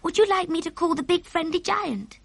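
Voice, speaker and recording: A little storybook girl, voiced by a woman, very high in pitch. She is polite and earnest, with childlike simplicity, in a close, dry sound. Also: moderate pace, vocal fry, no echo. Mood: calm, polite. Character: Sophie, small girl, polite, calm and earnest.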